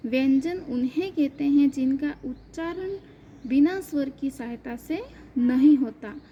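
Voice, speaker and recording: A woman school teacher, giving a slow grammar lesson and spelling out letters one by one. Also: high-pitched, warm tone, highs cut off, a little hiss or hum. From India.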